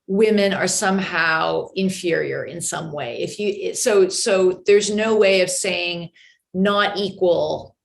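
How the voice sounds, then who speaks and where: Low-voiced woman moderating a video call. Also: gravelly. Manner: thoughtful, summarizing with many fillers. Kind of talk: casual discussion on a video call.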